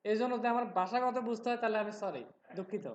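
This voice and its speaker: A man from Noakhali in Bangladesh with traces of a regional Bangladeshi Bengali accent, teaching a live software class, talking fast and checking in with his students. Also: high voice, fairly even intonation. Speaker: software instructor. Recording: roomy, dull lo-fi sound with faint noise.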